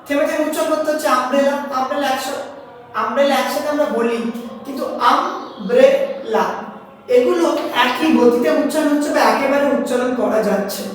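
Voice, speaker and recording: Woman teacher, Bengali accent, higher voice, distant mic, big echoing room. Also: a little hiss or hum. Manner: explains step by step, asks students questions, sounds out syllables slowly. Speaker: English grammar teacher. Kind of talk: classroom lesson. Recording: echoey hall, voice from a distance.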